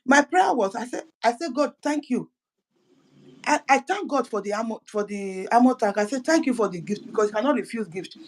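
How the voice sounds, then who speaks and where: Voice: medium pitch, animated, brisk, poor audio. A speaker gives an impassioned political address as an activist, fervent and full of repeated words and restarted phrases.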